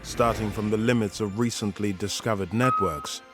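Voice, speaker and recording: A man delivers scripted documentary narration in the manner of a nature film. His voice sits on the low side, and music plays clearly behind him. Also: steady tone, normal speed. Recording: music under the voice. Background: prominent background music.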